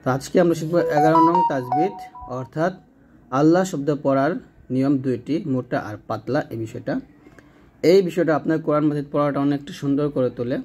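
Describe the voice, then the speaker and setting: A man with a Bangladeshi Bengali accent giving a step-by-step tajweed lesson, spelling out letters and drilling each syllable slowly. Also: a little high, a little mellow, husky, soft background music. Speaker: Quran recitation teacher.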